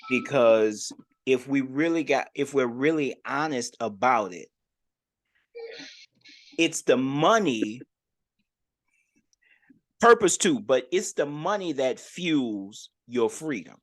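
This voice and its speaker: A man hosting a relaxed talk show. He speaks at a middling pitch and keeps things casual and affirming. He nudges his guest along and laughs easily. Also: slow pace, pauses often. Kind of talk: casual interview chat.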